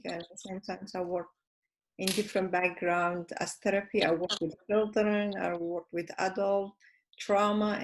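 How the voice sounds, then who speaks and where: A woman therapist introducing herself on an online panel call, speaking haltingly and searching for words. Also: medium pitch, a little hiss or hum, low-quality recording. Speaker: psychotherapist panelist.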